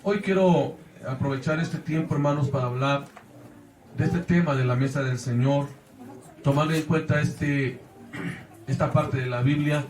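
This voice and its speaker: A man's voice: on the high side, steady tone, normal speed, pauses often, a little mellow. A man with a Mexican Spanish accent preaching a sermon as pastor of a church, earnestly calling out to the congregation. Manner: earnest preaching, often addressing the congregation as brothers. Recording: echoey church from a distance.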